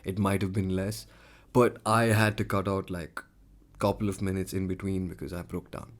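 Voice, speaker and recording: A young man hosting a solo podcast, talking candidly and rambling, swinging between loud bursts and murmured asides. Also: deep voice, level tone, normal speed. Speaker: podcast host. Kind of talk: reflective solo podcast monologue.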